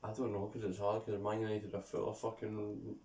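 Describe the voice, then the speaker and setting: A man's voice: fairly low pitch, monotone, brisk, vocal fry, warm tone, recorded from a distance. A young Scottish man co-hosting a casual chat, sweary and ranting, laughing often. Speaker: YouTube co-host. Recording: roomy and off-mic.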